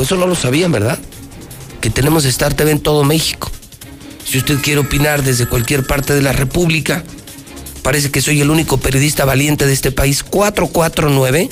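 A Mexican man hosting a live phone-in opinion show, speaking in an emphatic, repetitive, colloquial way with sarcastic rhetoric. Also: medium pitch. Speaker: radio and TV talk show host. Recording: music bed behind the voice. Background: background music.

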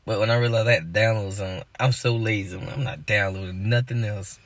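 A man co-hosting a casual podcast chat, slangy and joking with quick interjections. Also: lowish voice, fairly even intonation, a bit bright, dry recording. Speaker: podcast co-host.

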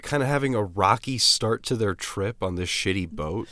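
A man's voice: on the low side, normal speed, bright, forceful tone, dry recording. A young man co-hosting a casual movie review chat with dry, sardonic asides. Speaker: podcast co-host.

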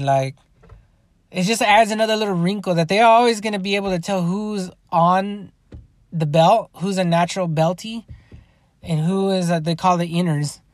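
A high-voiced man hosts a solo podcast, rambling casually, swearing a lot and frequently restarting his sentences. The sound has no echo.

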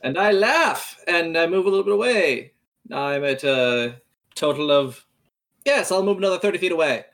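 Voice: medium pitch, animated, normal speed, fairly bright tone. A player at a tabletop fantasy game, chatting casually and slipping playfully into character.

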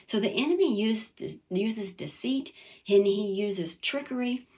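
A woman's voice: medium pitch, a little slow, darkish tone. A woman preaching a sermon. She reads scripture aloud, acts out quoted voices and keeps asking her listeners "Amen?". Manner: earnest, calls out "Amen?" to listeners.

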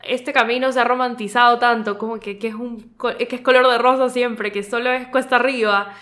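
A woman's voice: a little high, fairly even intonation, brisk, fairly bright tone. A young woman, a guest in casual conversation, speaking reflectively with frequent agreement and restarts. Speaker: guest, friend of host.

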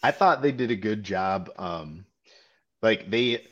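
Low-voiced man chatting on a podcast. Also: animated, slow pace, muffled recording. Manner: rambling, lots of "like" and "you know". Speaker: podcast co-host. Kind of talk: casual film discussion chat.

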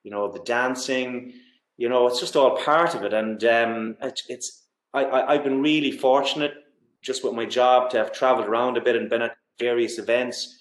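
A man's voice: medium pitch, fairly even intonation, normal speed. Echoey west of Ireland man chatting sport. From Galway, west of Ireland. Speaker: interview guest. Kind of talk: casual sports chat. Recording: roomy, echoey sound.

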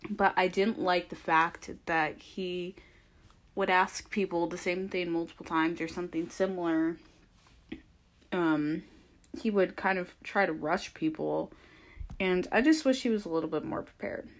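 A young woman giving a casual, opinionated recap as a podcaster, rambling conversationally through her points. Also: lowish voice.

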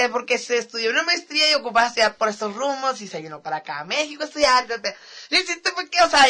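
Young man, northern mexican accent, bright voice, slangy storyteller, casual chat. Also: very high voice. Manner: slangy storytelling, laughs often. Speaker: podcast co-host.

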